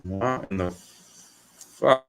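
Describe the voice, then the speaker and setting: A man's voice: low-pitched, very slow, a bit bright. A man co-hosting a live sports talk stream. He chats casually and sounds frustrated, swearing and apologizing.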